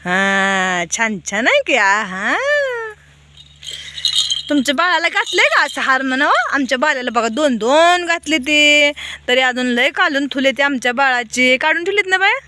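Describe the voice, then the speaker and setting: A woman's voice: high-pitched, lively intonation, normal speed, pushed and bright, dry recording. A woman, vlogging at home as she coaxes her toddlers in a sing-song voice. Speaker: vlogger and mother. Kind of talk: casual home vlog talking to small children.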